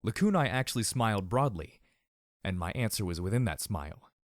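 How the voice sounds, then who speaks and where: A man narrating an audiobook in a steady first-person reading. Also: lowish voice, fairly quick, no room sound, clean studio sound.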